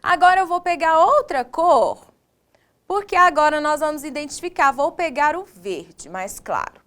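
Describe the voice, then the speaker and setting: A woman's voice: high-pitched, animated, moderate pace, a bit bright. A Brazilian woman teaching young children, drawing out syllables, asking questions and praising the pupils. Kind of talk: online lesson for children.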